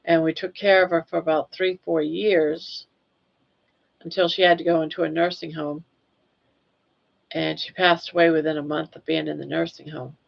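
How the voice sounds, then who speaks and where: A low, flat voice with vocal fry at normal speed comes from an older woman from Maine hosting a casual livestream. She rambles and laughs easily as she works through chat comments. The stream audio is dull and lo-fi.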